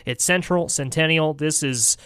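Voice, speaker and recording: A man's voice: fairly high pitch, normal speed, a bit bright, clean tone, no echo, studio quality. A man giving unscripted sports commentary as a radio co-host, restarting phrases as he builds his point.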